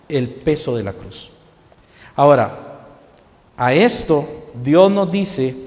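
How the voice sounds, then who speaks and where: Earnest preaching man in a reverberant hall. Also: fairly high pitch. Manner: earnest preaching with rhetorical questions, soft quoted asides. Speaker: pastor. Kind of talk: sermon.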